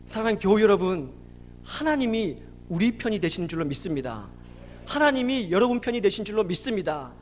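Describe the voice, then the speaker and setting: A man's voice: high voice, very animated, a little fast. A man, a pastor, preaching a sermon with emphatic rhetorical questions. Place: church sanctuary. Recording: long church reverb, faint hum.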